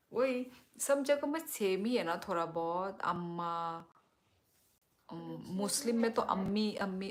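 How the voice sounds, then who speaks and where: Relaxed and easygoing, this Northeast Indian streamer talks with her audience and responds to comments, slipping English words into her speech. Her voice is on the low side.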